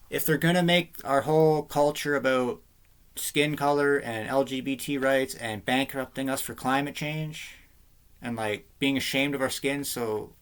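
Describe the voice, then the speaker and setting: Guy, mid-pitch, loose heated ranting vlog delivery, lots of dude and man. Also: fairly bright tone, clean tone. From Canada. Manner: rambling, heated, slangy, keeps saying "man" and "dude". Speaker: vlogger. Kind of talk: casual rant to camera.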